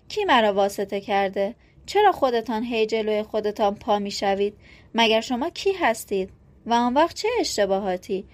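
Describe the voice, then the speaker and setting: A touchy young chief who flares up and argues back indignantly, read by a woman in an audiobook. Her voice sits fairly high and she barely changes it for him. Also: fairly bright tone. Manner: indignant, defensive.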